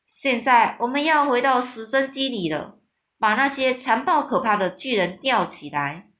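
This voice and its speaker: A woman's voice: on the high side, lively intonation, normal speed, bright, forceful tone. A kind, folksy big giant, as a woman reads him aloud. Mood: determined.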